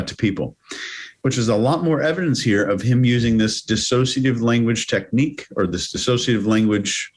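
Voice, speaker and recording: A man on a panel discussion who jokes and then lectures, walking through word definitions. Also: medium pitch. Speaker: panel analyst. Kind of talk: casual panel commentary.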